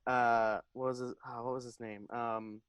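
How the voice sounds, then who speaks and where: A man's voice: mid-range voice, flat delivery, normal speed, clear, resonant tone, dry recording. A man co-hosting a podcast over a video call, rambling easily through album titles from his collection. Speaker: podcast co-host. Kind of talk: casual chat about vinyl records.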